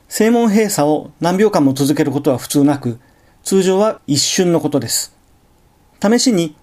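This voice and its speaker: A man giving a scripted language lesson, explaining pronunciation calmly and methodically, with spoken examples. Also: fairly high pitch. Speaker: language teacher.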